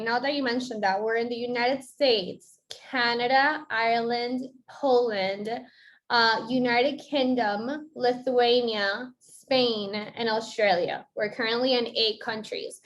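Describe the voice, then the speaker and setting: A young woman from Colombia walks listeners through a business onboarding in an upbeat, explanatory way. Her voice sits a little high for a woman, and she keeps checking that people are following. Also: slow pace. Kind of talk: explanatory presentation.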